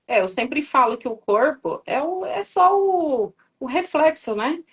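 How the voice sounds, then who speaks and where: A woman's voice: high-pitched, animated, unhurried. A woman hosting a podcast, chatting casually and thinking aloud with small restarts. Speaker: podcast host.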